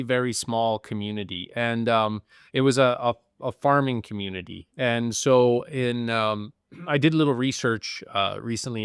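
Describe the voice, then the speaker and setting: A man's voice: mid-range voice, fairly bright tone, clear, resonant tone, no room sound, clean studio sound. A middle-aged man from Canada with a Canadian accent, a university program head talking in an interview, rambling with many restarts and fillers. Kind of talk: conversational interview.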